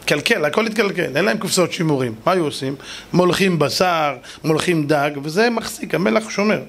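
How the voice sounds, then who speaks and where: A male rabbi preaches in an animated storytelling way, with slangy asides to his listeners. His voice sits fairly high and swings widely in pitch. The tone is slightly husky. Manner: animated, slangy, talks to the audience. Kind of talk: lively sermon storytelling.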